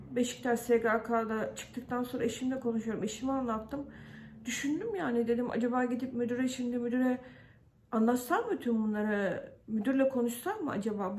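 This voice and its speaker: A woman from Turkey tells her story to the camera in a casual vlog, her voice sitting a little high. She vents her frustration, stopping often on fillers and acting out what others said to her. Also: darkish tone, a little hiss or hum. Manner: venting frustration, many fillers, quotes others. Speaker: vlogger.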